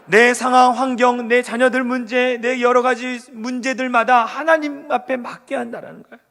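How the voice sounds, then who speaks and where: A pastor in his thirties delivering an animated Friday prayer sermon, leading the congregation in call-and-response. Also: very high-pitched. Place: church sanctuary. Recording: long hall reverb.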